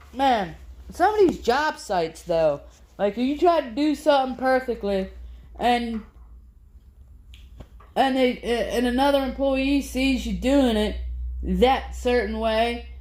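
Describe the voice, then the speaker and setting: A man's voice: extremely high pitch, darkish tone. A man vlogging in a casual, rambling monologue, swearing constantly as he rants about his grievances. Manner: profane, rambling, aggrieved ranting. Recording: echoey room.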